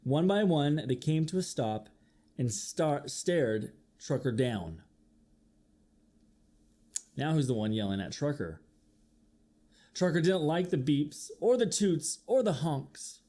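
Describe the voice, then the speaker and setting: This man's voice is a little high, and he reads slowly, pausing often, as he shares a children's picture book like a teacher. He brings the story to life expressively, doing sound effects and quizzing the kids listening.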